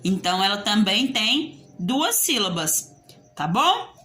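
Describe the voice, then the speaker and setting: A woman's voice: mid-range voice, big pitch swings, slow, bright, forceful tone, faint music behind. A woman teacher with a Brazilian Portuguese accent giving a video lesson for young children, in a sing-song teaching voice that asks and answers pupils' questions.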